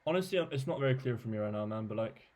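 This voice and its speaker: A teenage boy co-hosting a casual chat, relaxed and hedging with many fillers. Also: on the low side, fast talker. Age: late teens. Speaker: co-host.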